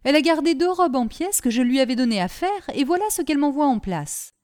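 A woman's voice: sits high, animated, fairly quick, darkish tone, voice pushed up. A woman reading aloud, voicing a pompous bourgeois lady who indignantly accuses a servant of theft. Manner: outraged, accusing.

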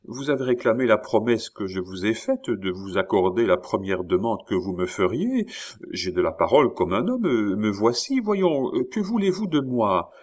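A man's voice: sing-song, normal speed, a little mellow. A man reading aloud and voicing a breezy, cheerful aristocratic countess in a raised, chirpy voice. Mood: coaxing. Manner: chirpy, breezy, falsetto-ish.

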